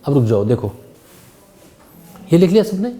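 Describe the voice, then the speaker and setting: A man's voice: on the high side, very animated, normal speed, dark tone. A male physics teacher giving a classroom lecture, patiently quizzing his students as he works through problems.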